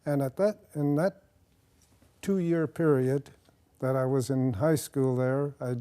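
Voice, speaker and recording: An older man from Nebraska, a retired army officer, answering interview questions in a measured, plain way with frequent pauses and fillers, recorded on a lapel mic in a dark studio. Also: mid-range voice, steady tone.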